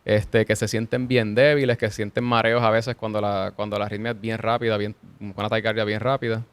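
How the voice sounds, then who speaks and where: A man speaks quickly as a cardiologist guest, explaining things step by step with little restarts. His voice is smooth and clear, recorded dry and close. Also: lowish voice, flat delivery, no room sound. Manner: measured, explanatory, frequent small restarts. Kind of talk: explanatory interview answers.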